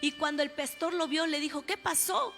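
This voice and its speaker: A woman's voice: high voice, level tone, brisk, a bit bright, faint music behind. A woman preacher, earnestly giving a sermon and telling stories to her congregation. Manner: earnest, addresses listeners as brothers. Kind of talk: sermon with storytelling.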